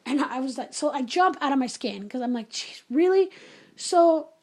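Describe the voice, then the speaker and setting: A woman with a high, light voice recounts a story from her own life. She talks in a chatty, animated way and keeps dropping in little asides to the listener. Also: brisk. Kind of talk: casual spoken storytelling.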